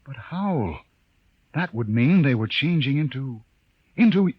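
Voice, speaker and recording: An actor playing a commanding, practical spaceship captain in a 1950 radio drama. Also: male voice, medium pitch, lively intonation, a little slow, breathy edge, no room sound. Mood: troubled, disbelieving. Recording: dull, dry 1950s radio recording.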